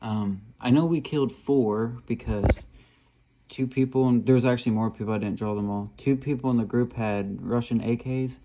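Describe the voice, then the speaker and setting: A man's voice: medium pitch, normal speed, mellow, low-quality recording. A man vlogging about his dreams in a casual, rambling monologue, hesitant with many fillers and restarts, yet earnest and insistent.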